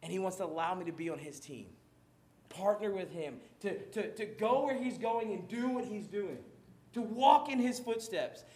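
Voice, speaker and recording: High-voiced, laughing preacher man. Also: moderate pace, roomy sound. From Maryland, USA. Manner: animated, self-deprecating, laughs often. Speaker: pastor. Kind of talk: sermon.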